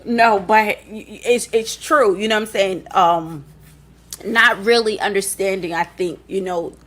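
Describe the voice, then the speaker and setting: A woman's voice: medium pitch, a little slow, fairly bright tone. Young adult woman, Southern US accent, playful laughing podcast co-host. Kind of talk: casual chat.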